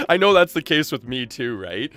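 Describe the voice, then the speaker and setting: Boisterous canadian guy chatting to his stream, really animated, bit of music in the back. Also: medium pitch, a little slow. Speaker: live game streamer and host. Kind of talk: casual livestream chat with viewers. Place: small backyard shed used as a streaming room.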